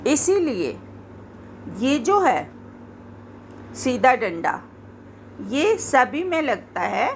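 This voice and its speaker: A woman teaching Hindi spelling, slowly and patiently saying each example word again to show how it sounds. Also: on the high side, vocal fry, a little hiss or hum. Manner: slow, patient, repeats words to show pronunciation. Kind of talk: explaining grammar to learners.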